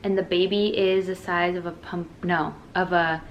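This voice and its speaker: A chatty young woman talks casually to camera from home, her voice sitting a bit low. She is early in pregnancy and fills her talk with "like" and "freaking". There is faint noise behind her. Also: flat delivery, normal speed, dull audio. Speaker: vlogger.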